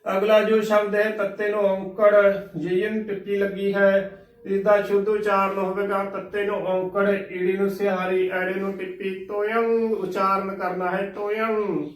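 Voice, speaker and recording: A man's voice: high-pitched, monotone, measured pace, roomy sound, recorded from a distance. A man with a Punjabi accent teaching correct pronunciation of scripture, patiently spelling words letter by letter and repeating the right form. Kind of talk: recorded instructional lesson.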